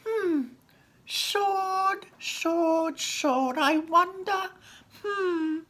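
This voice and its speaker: A man voicing a sly, greedy old female goblin shopkeeper in a high, sweet, wheedling drawl. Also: extremely slow, pushed and bright, full character voice.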